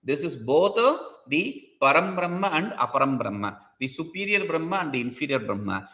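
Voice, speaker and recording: Animated man teaching scripture. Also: mid-range voice. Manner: explains each Sanskrit term in English, chants verses. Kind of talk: scripture commentary lecture.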